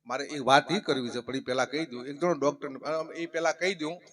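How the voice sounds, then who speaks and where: A young man with a Gujarati accent telling comic stories live on stage, animated and acting out the characters in his jokes. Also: on the high side, fairly quick. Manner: animated, acts out quoted characters, shouts punchlines. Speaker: folk comedian and storyteller at a devotional music program.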